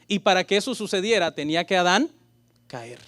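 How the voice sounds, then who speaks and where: A man's voice: high voice, animated, a little fast, a bit bright. A male pastor preaching a sermon. He asks the congregation rhetorical questions, calls them brothers, and briefly acts out the voices he quotes. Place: church.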